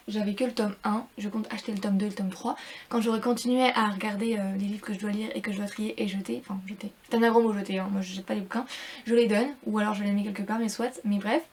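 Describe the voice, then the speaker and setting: Young woman, book vlogger, husky, breathy, chatty and rambling, middle-pitched. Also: darkish tone. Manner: chatty, rambling, many repeats and fillers. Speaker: book reviewer. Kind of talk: casual book review vlog.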